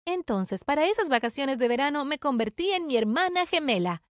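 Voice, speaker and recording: Brief: young female narrator, first-person confessional drama, high and bright. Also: big pitch swings, brisk, dry recording, clean studio sound.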